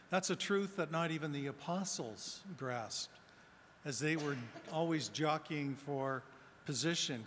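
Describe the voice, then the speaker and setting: Male deacon, measured sermon delivery, slightly high voice, cathedral echo with faint room noise. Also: fairly bright tone. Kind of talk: gospel reading and homily. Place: large church. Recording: long church reverb, faint room noise.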